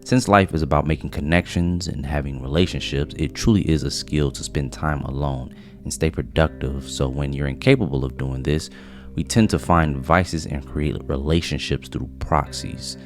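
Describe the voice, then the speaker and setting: A man narrating a scripted video essay in a measured, reflective way. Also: extremely low pitch, steady tone. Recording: faint music behind voice.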